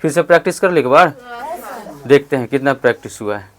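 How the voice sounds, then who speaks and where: A man teaching English in a classroom, calling out prompts loudly and saying model phrases slowly for his students to repeat. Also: mid-range voice, lively intonation. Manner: loud call-and-response prompting, slow drawn-out model phrases. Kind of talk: classroom lesson.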